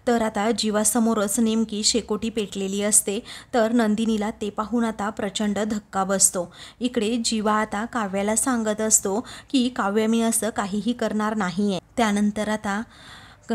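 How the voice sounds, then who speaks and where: A woman's voice: mid-range voice, level tone, normal speed, a little mellow. A woman narrating the plot of a TV serial in a dramatic storytelling style.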